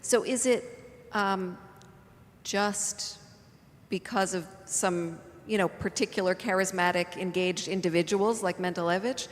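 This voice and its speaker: A woman's voice: fairly low pitch, fairly even intonation, measured pace. A woman in the audience posing a question after a conference talk, phrasing it tentatively as she searches for words. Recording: lecture hall reverb.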